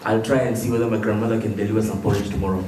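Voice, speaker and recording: A man's voice: fairly low pitch, little pitch movement, racing. Jovial man. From Kenya. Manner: jovial, welcoming. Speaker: public commentator. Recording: echoey hall, distant mic, background noise.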